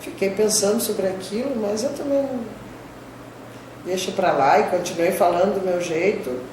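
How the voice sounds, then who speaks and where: A woman of medium pitch and moderate pace, an older professor from Brazil's southern border region, reminisces about her career in an interview. Her Gaúcho accent carries Spanish terms, and she keeps adding "né?" to her sentences in a conversational, storytelling way. The mic sits far off in an echoey room with noticeable background noise.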